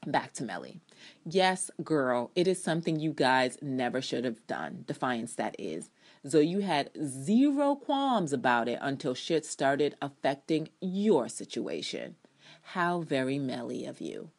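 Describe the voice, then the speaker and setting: Reading her own review aloud as a dramatic piece, a woman with a low, very expressive voice comes across as opinionated and sardonic. She drifts from scripted lines into casual, salty asides, leaning on theatrical emphasis. Her pace is a little slow.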